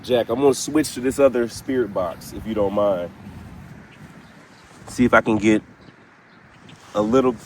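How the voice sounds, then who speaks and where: A man hosting a paranormal session, speaking deliberately with pauses as he puts direct questions to an unseen spirit. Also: lowish voice, a little mellow, a little hiss or hum. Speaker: paranormal investigator, host. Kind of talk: slow spoken questioning in a spirit box session.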